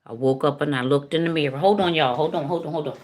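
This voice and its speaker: A middle-aged woman telling an emotional healing testimony straight to her listeners, preachy and impassioned, with sudden high, loud bursts. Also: fast talker, noisy background. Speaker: speaker sharing a healing testimony. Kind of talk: emotional testimony addressed to the audience.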